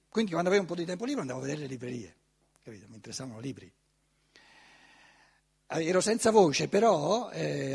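Older man, raspy, animated lecturer. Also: fairly high pitch. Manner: animated, conversational with rhetorical questions. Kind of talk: conference talk. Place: lecture hall.

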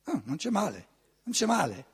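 An older man giving a conference talk in a lecture hall, animated and conversational, often asking his audience rhetorical questions. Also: high-pitched, moderate pace, vocal fry, breathy edge.

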